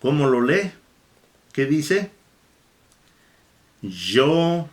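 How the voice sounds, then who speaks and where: Slow, patient Bible Hebrew teacher, a man. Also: mid-range voice, fairly bright tone. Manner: repeats words slowly for the learner, blesses God between points. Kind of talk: slow, patient classroom lesson.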